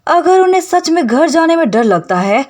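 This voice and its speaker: A woman voicing a clueless young nobleman in a storybook-style recap, reading his lines a little lower than her narration. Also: very animated, moderate pace, darkish tone. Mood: oblivious.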